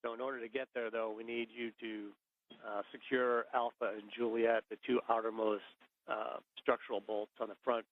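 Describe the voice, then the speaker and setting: A man speaking as a mission control communicator, giving measured procedural instructions over a radio link with hesitant pauses, like a sci-fi communicator. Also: mid-range voice, flat delivery, no room sound. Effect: radio transmission. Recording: muffled band-limited radio link.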